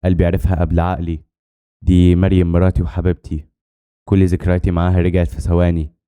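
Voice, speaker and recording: A man with an Egyptian Arabic accent narrates a suspenseful first-person tale at a breakneck pace. His voice sits low and dark, mellow rather than bright, and he tells the story in a tense, dramatic way. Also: completely flat delivery, quick pace, clean tone.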